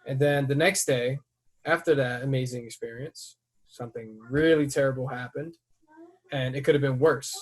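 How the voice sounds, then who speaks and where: A man hosting a podcast who tells a story in casual chat. He swears freely and breaks into loud, heated outbursts as he retells it. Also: medium pitch, moderate pace. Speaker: podcast host.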